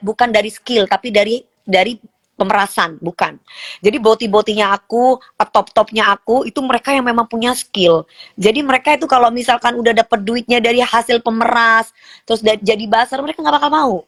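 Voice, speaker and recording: A woman ranting bluntly on a phone live stream, combative and slangy. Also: a little high. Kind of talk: casual live-stream rant.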